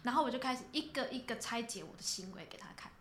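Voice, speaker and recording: Woman cohost, super fast talker, slightly high voice, eager and lively. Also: a little hiss or hum. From Taiwan. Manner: lively, eager, quick agreeing backchannels. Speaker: podcast co-host. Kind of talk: casual chat, telling a work story.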